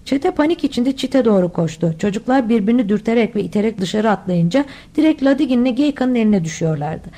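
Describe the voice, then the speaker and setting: Woman, audiobook narrator, mellow warm voice, slightly high, steady reading. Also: fast, hardly any pauses. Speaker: audiobook reader.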